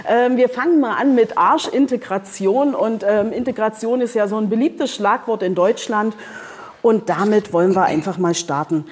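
A woman publisher moderates a book presentation before an audience at an event venue, chatty and hesitant with many fillers. Her voice is medium-pitched with a darkish tone and a breathy edge, at a normal speed.

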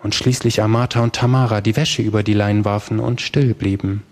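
A man narrating a story aloud in a steady, measured reading voice. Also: lowish voice. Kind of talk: audiobook narration.

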